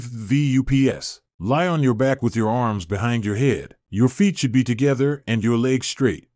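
A man reading a scripted narration about exercise in an even, informative way. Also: mid-range voice, no echo, clean studio sound.

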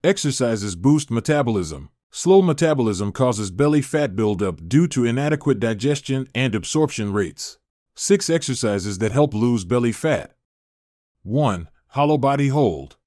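A man reading a scripted narration about exercise in an even, informative way. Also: medium pitch, no room sound, studio quality.

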